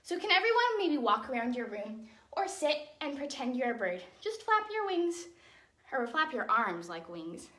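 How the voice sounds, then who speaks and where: A young ballet teacher leads children through a dance with simple, encouraging step-by-step instructions, counting out moves in childlike phrasing. Her voice is high-pitched and fairly bright, with big pitch swings at a moderate pace. A distant microphone catches roomy echo.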